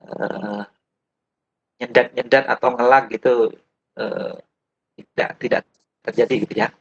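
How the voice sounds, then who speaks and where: A man presents a software tutorial over an online call. His audio is choppy and keeps cutting in and out, so his words fade and drop mid-phrase. The sound is muffled and has no room echo at all. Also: medium pitch, steady tone, a little slow. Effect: choppy video-call audio that cuts in and out.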